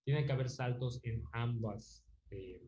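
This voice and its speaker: A man's voice: medium pitch, slow, noisy background. A man teaching a music theory class online, explaining patiently and checking in with frequent tag questions while thinking aloud with fillers. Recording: dull, roomy lo-fi sound.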